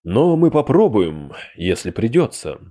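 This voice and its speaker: A man voicing a cautious male mage who speaks in a low, subdued and measured way. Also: very animated, warm tone. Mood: guarded.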